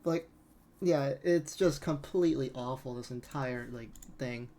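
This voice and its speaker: A man's voice: medium pitch, unhurried, warm tone, slight background noise. A man giving a casual, exasperated rant as gaming commentary, incredulous and prone to swearing.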